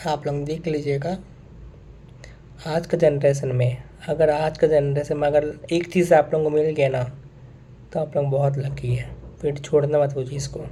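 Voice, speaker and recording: A young man with a very dark, mellow voice talks to his viewers in an earnest, unscripted monologue. He circles back over his points and drops English phrases into his speech. A faint hiss of noise sits under him. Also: on the high side, flat delivery, normal speed. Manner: earnest, repeats himself, mixes in English phrases. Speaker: vlogger. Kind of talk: casual monologue to camera.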